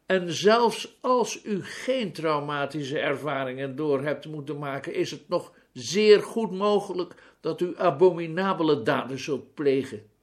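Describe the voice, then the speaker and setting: A man's voice: on the high side, animated, unhurried, few pauses. A man voicing a grim male demagogue who preaches doom to a crowd. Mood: ranting. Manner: loud, declaiming, fire-and-brimstone.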